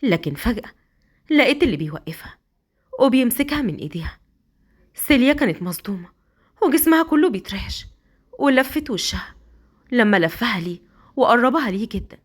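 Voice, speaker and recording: Egyptian lady telling a romance story, fast and animated, kinda high voice. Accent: Egyptian Arabic. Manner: quick, lively storytelling.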